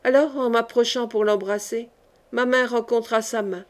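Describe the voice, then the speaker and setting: Woman reading a novel aloud, calm gentle storytelling, kinda high voice. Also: normal speed. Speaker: audiobook reader. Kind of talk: audiobook narration.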